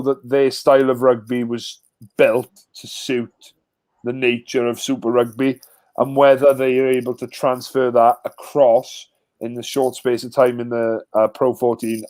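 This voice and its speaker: A man co-hosting a casual live rugby stream, giving his views in relaxed, teasing banter. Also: mid-range voice, dry recording. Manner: laid-back, teasing banter. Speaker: co-host.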